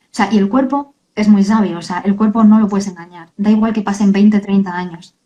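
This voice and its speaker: Guest author, woman, earnest and halting in a mellow voice. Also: mid-range voice, muffled recording. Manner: earnest, halting, many tag questions. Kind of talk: emotional interview talk.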